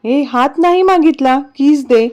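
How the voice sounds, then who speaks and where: A woman's voice: high-pitched, a little slow, a little mellow, pitched above the performer's own voice. A woman voicing a bold, sassy young woman who makes demands.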